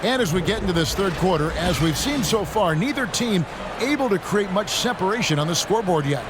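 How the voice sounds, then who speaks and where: A man calling basketball play-by-play for a video game in a crisp, steady commentary style. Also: sits high, brisk. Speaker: play-by-play announcer. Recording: heavy background noise.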